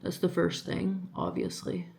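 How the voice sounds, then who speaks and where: Young woman vlogging at home, rambling and self-mocking, coaches herself aloud to keep calm. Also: fairly low pitch, unhurried, gravelly. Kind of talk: casual chatty vlog while doing a beauty treatment.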